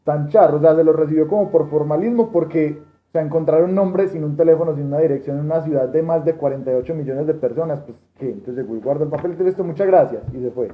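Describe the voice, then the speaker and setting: A man's voice: on the high side, quick pace, hardly any pauses. A man, telling a testimony story in a Bible study class, rambling with restarts and quoted dialogue. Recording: tinny lo-fi room recording with faint noise.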